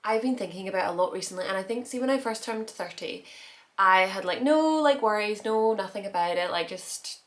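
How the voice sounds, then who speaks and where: A woman's voice: mid-range voice, lively intonation, fairly quick. Chatty woman in her thirties, rambling. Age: 30s. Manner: chatty and rambling, with frequent restarts and soft laughs. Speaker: beauty vlogger. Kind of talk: casual get-ready-with-me chat.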